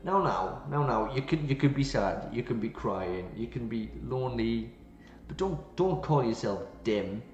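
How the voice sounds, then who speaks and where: A gaming channel host does let's play commentary, reading the game's text aloud and tossing in playful, jokey asides. His mid-range voice is expressive, a little mellow, and somewhat slow. Game music plays behind him in a roomy, slightly dull recording.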